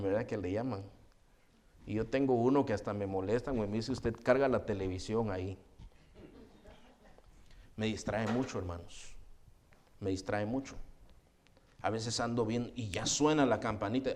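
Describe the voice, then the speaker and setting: A middle-aged man preaching a sermon as pastor, animated and often calling listeners "hermano". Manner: acts out quoted voices with rising pitch.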